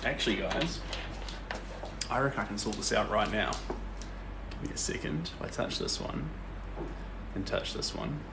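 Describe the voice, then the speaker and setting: Low-voiced New Zealand man livestreaming from a roomy studio. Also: normal speed, long pauses. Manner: relaxed, chatty, answers viewers' comments between brushstrokes. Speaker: painter livestreaming. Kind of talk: casual livestream chat while painting. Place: shared artist studio, indoors. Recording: roomy studio sound, mic set at a distance, steady background noise.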